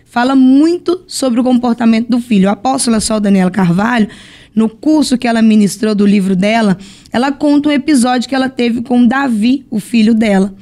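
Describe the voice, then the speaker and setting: A woman's voice: fairly high pitch, brisk, warm tone. A woman with a Brazilian accent, a church bishop on a podcast, explaining her teaching and retelling stories with quoted lines. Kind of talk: teaching, religious podcast talk.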